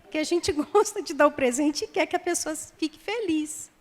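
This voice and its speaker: A woman pastor with a Brazilian Portuguese accent preaching a sermon into a microphone in a church, reading scripture and praying with slow, emphatic delivery. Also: high-pitched. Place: church sanctuary. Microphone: handheld microphone. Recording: long hall reverb.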